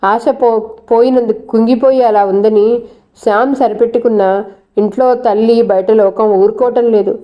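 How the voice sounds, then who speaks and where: A woman reading a novel aloud in a steady, measured storytelling style. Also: a little high, muffled recording. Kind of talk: audiobook narration.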